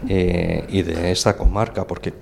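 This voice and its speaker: Deep-voiced, patient male interviewer. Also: level tone, unhurried, vocal fry, a little mellow, slight background noise. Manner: patient, repeats and explains words, many fillers. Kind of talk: teacher-like interview.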